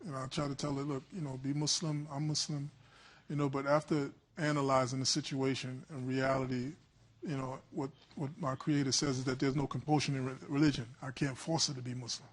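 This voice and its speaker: A man's voice: medium pitch, level tone, brisk. A man litigant in a television courtroom, earnestly justifying himself to a judge and repeating phrases as he explains. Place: TV courtroom studio.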